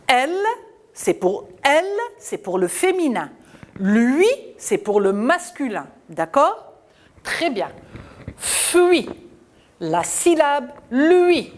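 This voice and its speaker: A woman teacher guides children through a reading lesson, drawing out each syllable at a very slow pace. Her voice swings lively up and down as she repeats words for them to echo. She sounds patient and encouraging. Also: high voice. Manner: encouraging, addressing children warmly.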